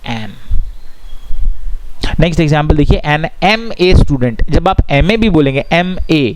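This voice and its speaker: A man with an Indian accent teaching grammar in a lesson, patiently asking and answering his own questions and reading rules out slowly. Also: fairly high pitch, animated, background noise. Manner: reads English rules slowly and deliberately. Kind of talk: explanatory lesson mixing Hindi and English.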